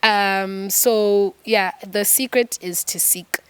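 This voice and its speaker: A woman's voice: medium pitch, steady tone, takes it slowly, fairly bright tone, clean tone, no room sound. A young woman with a South African accent, a gospel singer talking candidly and earnestly about faith in a podcast interview. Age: young adult. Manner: earnest, preachy testimony.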